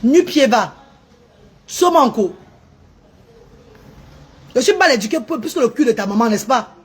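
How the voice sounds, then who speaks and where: A woman from Cameroon who runs a charity restaurant rants at commenters during a live stream, mocking and insulting them between updates on the restaurant. Her voice is on the high side and slightly rough, with lively intonation and a measured pace.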